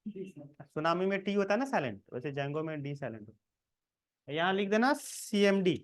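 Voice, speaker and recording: A man's voice: high voice, animated, normal speed. A man giving a casual screen-recorded coding lesson, talking the viewer through each step and checking in often. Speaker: programming tutor.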